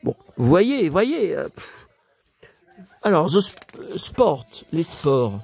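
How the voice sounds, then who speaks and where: A man's voice: fairly high pitch, big pitch swings, takes it slowly, vocal fry, darkish tone, breathy edge. An older man from France chatting casually as a vlogger, musing aloud as he reads English words in a French way. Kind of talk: casual chat while leafing through a book.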